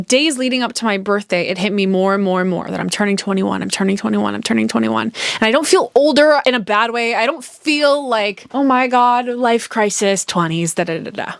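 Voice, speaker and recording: A woman's voice: a little high, no room sound, clean studio sound. A woman in her early twenties, talking to the camera in an earnest, introspective vlog. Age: early 20s. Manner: earnest, soft-spoken, introspective. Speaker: vlogger. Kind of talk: reflective talking-head vlog. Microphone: camera mic, seated facing camera.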